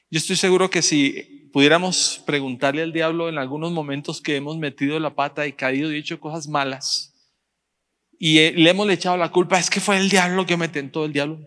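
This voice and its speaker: A man, a pastor preaching a sermon in church, speaking directly to the congregation and slowing down to stress his points. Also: a little high, fairly bright tone. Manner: direct, addresses the congregation, rising emphasis and slow stressed phrases.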